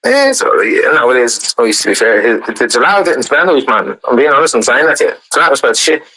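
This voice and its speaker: A man's voice: medium pitch, very animated, fast talker, sharp tone, rough recording. An Irish-accented man in casual, bantering group chat full of informal slang.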